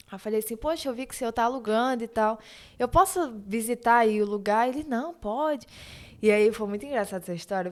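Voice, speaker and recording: Brief: young Brazilian woman, fairly high voice, lively anecdotal chat. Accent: Brazilian Portuguese. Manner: animated storyteller, quotes others in dialogue. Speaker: guest, eyebrow studio owner. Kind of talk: casual podcast chat.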